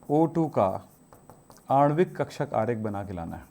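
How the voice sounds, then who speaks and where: A man's voice: mid-range voice, sing-song, unhurried, dark tone. A man teaching a chemistry class, asking his students questions and answering them himself, strict about homework. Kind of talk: classroom lecture.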